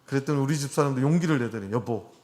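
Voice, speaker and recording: A middle-aged man delivers a sermon in a church. His voice sits a little high for a man. He talks in a relaxed, chatty way and keeps putting questions to his listeners. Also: unhurried. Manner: conversational, asks the congregation questions. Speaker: pastor. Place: church hall.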